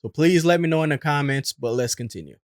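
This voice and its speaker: A man's voice: a little high, fast. A man hosting and giving explanatory voice-over commentary. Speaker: host and commentator.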